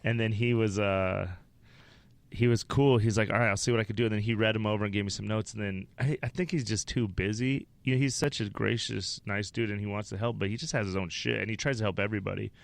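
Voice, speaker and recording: A man's voice: on the low side, steady tone, fast, gravelly. A man from Wyoming, a stand-up comedian, telling rambling, profane stories as a podcast guest. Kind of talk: casual interview storytelling.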